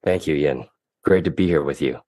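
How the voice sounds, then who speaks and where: Very deep-voiced man from Hong Kong. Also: dark tone, no room sound. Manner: measured, explanatory, occasional restarts. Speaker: guest, mind-performance coach. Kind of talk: podcast interview answers.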